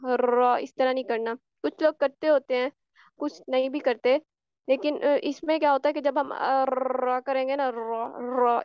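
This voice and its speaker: A woman's voice: high-pitched, clean tone, no echo, dull audio. A woman teaching a recitation class online, patiently explaining and repeating sounds for her students. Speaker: tajweed teacher.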